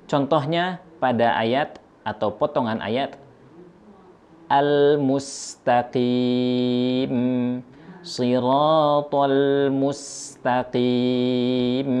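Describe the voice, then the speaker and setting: A man teaching recitation in an instructional style, over-enunciating each sound with deliberate articulation. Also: medium pitch, a little mellow. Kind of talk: instructional tajwid lesson with recited examples.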